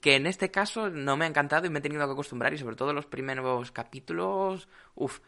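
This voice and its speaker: A man's voice: a little high, fast, vocal fry, pushed and bright. A man, co-hosting a podcast in casual chat, rambling with lots of fillers and restarts.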